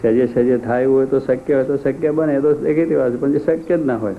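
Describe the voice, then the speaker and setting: A man's voice: medium pitch, fast talker, creaky. A man giving a devotional discourse, telling stories with repeated, emphatic phrases. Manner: storytelling, repetitive emphatic phrasing. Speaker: religious speaker. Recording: tinny phone-like, faint noise.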